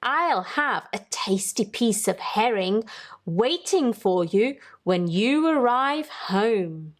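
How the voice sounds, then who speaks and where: A woman's voice: mid-range voice, expressive, slow pace. A woman voicing a kindly, clever lighthouse keeper's wife in a storybook. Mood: consoling.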